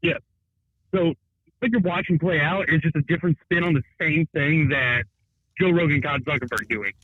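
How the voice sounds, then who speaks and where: A man's voice: on the high side, normal speed, no echo. A male caller heard over a phone line, rambling with lots of "like" fillers. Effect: heard through a phone line on the show's speaker. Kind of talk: call-in phone commentary. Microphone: Bluetooth phone headset. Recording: tinny dry phone line.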